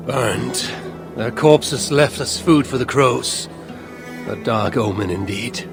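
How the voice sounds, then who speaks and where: An actor playing a proud, brooding Norse god king in a video game, speaking with solemn, archaic formality in a gravelly voice. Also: mid-range voice, takes it slowly, over music. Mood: grave, regretful. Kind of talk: dramatic game cutscene acting.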